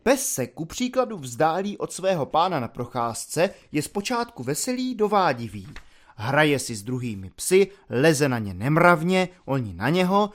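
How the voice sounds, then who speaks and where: A man narrating a novel aloud with a lively, sweeping intonation. His voice sits slightly high for a man, and his reading is expressive and animated. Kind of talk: audiobook narration.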